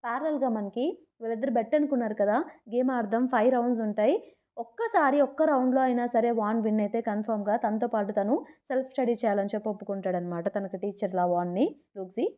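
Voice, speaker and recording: A woman's voice: fairly high pitch, quick pace, lo-fi sound. A woman with a Telugu accent casually retelling a drama episode, chatty and mixing in English words. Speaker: drama recap narrator.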